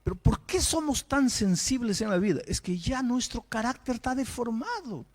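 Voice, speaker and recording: A male pastor preaches with a high, bright voice that climbs and drops widely. He acts out the voices of ordinary people to drive home his points, and he keeps firing rhetorical questions at the congregation. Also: animated, moderate pace. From Peru. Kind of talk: sermon.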